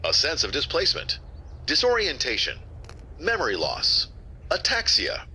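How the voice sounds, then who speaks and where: A man voicing a calm emergency guidance recording played in a game, gentle and reassuring. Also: fairly high pitch, moderate pace, a little hiss or hum, full character voice, rough recording. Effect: recorded announcement played in the game.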